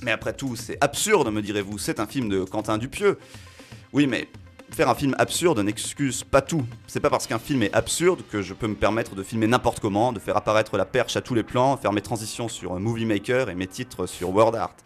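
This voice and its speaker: A man reviewing a film on a local radio show, talking in an animated way with fillers as he works through his points. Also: lowish voice, normal speed, soft background music. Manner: animated, reasoning aloud with fillers. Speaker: film critic.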